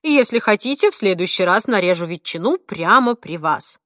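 A woman reading an audiobook, voicing a good-natured, chatty female carer with a brisk, friendly manner. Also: medium pitch, expressive, fairly bright tone, no room sound, clean studio sound, lightly acted.

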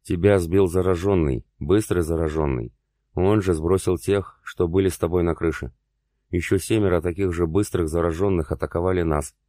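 A frightened, hiding survivor from an audiobook, as a man reads him, hushed and halting. The voice is very deep and mellow. The recording is dry, with no room sound. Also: dry recording, natural voice. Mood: tense.

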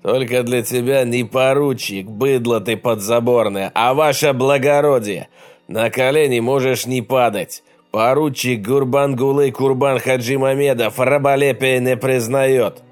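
Haughty lieutenant, slow and contemptuous, utterly unbothered, voiced by a male narrator. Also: mid-range voice, steady tone, faint music behind, close to an everyday voice. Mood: cold haughty. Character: haughty, cold old-army lieutenant man.

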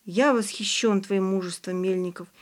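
A woman's voice: medium pitch, fairly even intonation, moderate pace, natural voice. A woman reading the lines of a cheerful, teasing young male student teacher in an audiobook.

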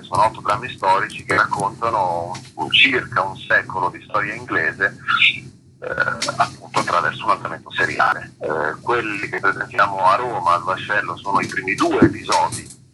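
Interviewed about his theatre work, a man with a low voice speaks articulately and reflectively, searching for words through pauses and repetitions. Background noise can be heard.

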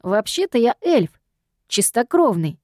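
A woman voicing a scrawny, timid young male elf with a touchy, arrogant streak and a squeaky, peevish way of speaking. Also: very animated, a little slow, darkish tone, no echo, clean studio sound.

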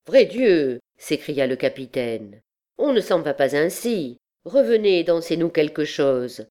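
Woman doing a loud, bold young captain. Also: deep voice, big pitch swings, a little slow. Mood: hearty.

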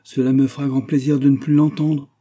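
A man's voice: mid-range voice, level tone, brisk, dark tone, dull audio, pitched above the performer's own voice, natural voice. A man reading a classic novel aloud, voicing a proud and stern middle-aged aristocratic mother who scolds her daughter. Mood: haughty. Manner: haughty, scolding.

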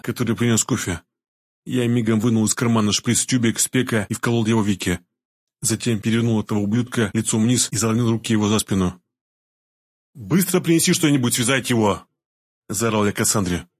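A man narrating a first-person story as an audiobook reading, steady and dramatic. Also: lowish voice.

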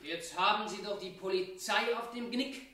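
A man's voice: high-pitched, normal speed, bright, forceful tone. A man playing a worried factory worker who grumbles uneasily in a stage drama. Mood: uneasy. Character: worried factory worker fretting about police. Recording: distant roomy stage, faint hiss.

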